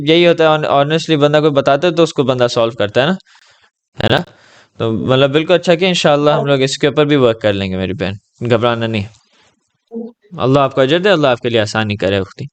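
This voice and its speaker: Gentle man tutoring over a video call. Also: mid-range voice, lively intonation, smooth. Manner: gentle, reassuring, repeats "ٹھیک ہے؟" often. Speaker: Arabic tutor. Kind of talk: patient one-on-one online lesson.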